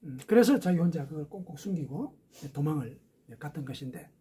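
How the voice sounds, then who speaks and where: Husky, mellow-voiced male pastor preaching. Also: on the high side, expressive, fairly quick. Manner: explanatory, with rhetorical questions. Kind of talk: sermon.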